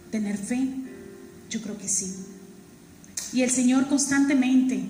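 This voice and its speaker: A woman's voice: a little high, darkish tone. Woman pastor, Colombian coastal accent, fervent sermon delivery, roomy hall reverb. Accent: Colombian Caribbean Spanish. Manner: fervent, emphatic, repeats phrases, draws words out. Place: church hall. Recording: echoey church hall with long reverb.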